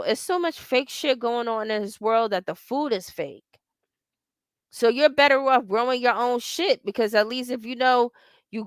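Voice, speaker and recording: A woman in her forties with a fairly high voice hosts a casual livestream, recorded dry with clean studio sound. She talks bluntly and profanely, rambles, and reads out comments from viewers.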